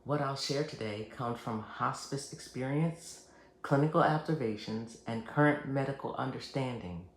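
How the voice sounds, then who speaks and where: A man speaking as a hospice nurse and host, giving scripted educational narration in a measured, earnest, reassuring way. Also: mid-range voice. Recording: roomy echo, faint background noise.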